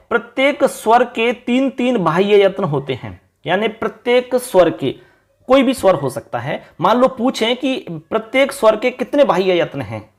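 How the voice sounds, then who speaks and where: A man from India explaining grammar in an online class, patiently repeating points and checking that his students follow. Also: high voice. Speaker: Sanskrit grammar teacher.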